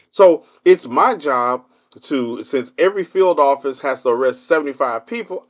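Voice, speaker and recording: A man hosts his own livestream in a loose, casual monologue about the news. He is sarcastic and keeps throwing rhetorical questions at his listeners. His voice sits at an ordinary middle pitch for a man. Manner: hums a tune while waiting. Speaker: livestream host. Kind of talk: casual political commentary monologue.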